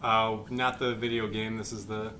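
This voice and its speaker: Young man, hesitant bright-voiced host. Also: on the low side, flat delivery, slight background noise. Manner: halting, hesitant, many restarts. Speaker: podcast host. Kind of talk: casual chat.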